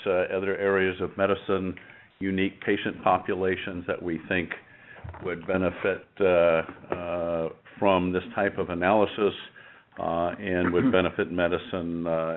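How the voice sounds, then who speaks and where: A man speaking on a conference call over a speakerphone, halting and full of filler sounds. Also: sits low, a little hiss or hum. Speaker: company executive on a press conference call. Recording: tinny phone line, slightly distant speakerphone.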